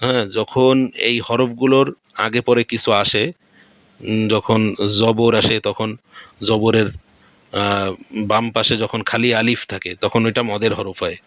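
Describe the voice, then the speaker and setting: A man's voice: on the low side, little pitch movement, unhurried, long pauses, fairly bright tone, dry recording. Patient Bangladeshi man teaching pronunciation. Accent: Bangladeshi Bengali. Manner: patient, repeats each point and quizzes himself. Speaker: Quran recitation teacher. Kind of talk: step-by-step pronunciation lesson.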